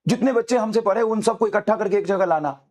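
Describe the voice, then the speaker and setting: A man, a teacher, giving a fiery motivational talk to students, repeating his urgings over and over and dropping low and soft for emphasis. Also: fast. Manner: fiery, repetitive exhortations.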